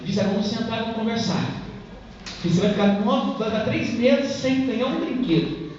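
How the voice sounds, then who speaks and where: A man's voice: very high-pitched, brisk, darkish tone, a little hiss or hum. A man with a Brazilian accent preaching a sermon as a pastor, speaking with passion but in a conversational way, often addressing listeners directly. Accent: Brazilian Portuguese. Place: church hall. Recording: echoey church hall, distant dull mic.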